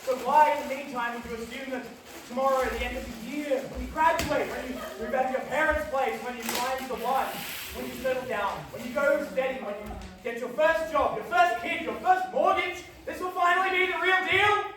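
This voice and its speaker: A man plays an intense young performer with a very high voice who piles up rhetorical questions. He sounds far off in an echoey hall, with a faint hiss. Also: steady tone, a little fast. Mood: urgent. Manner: urgent, rhetorical. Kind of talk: devised ensemble theatre. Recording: echoey stage recorded from afar.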